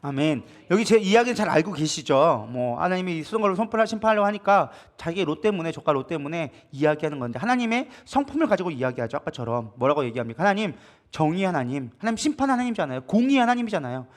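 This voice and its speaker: Male pastor, prayer-meeting sermon, high voice, fast, acts out dialogue. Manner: animated, asks the congregation questions and acts out dialogue. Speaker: co-lead pastor.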